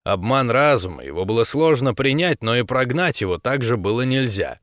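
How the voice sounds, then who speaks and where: A man's voice: mid-range voice, expressive, moderate pace, a bit bright, no room sound. Male audiobook narrator, dry sound. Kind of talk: scripted narration.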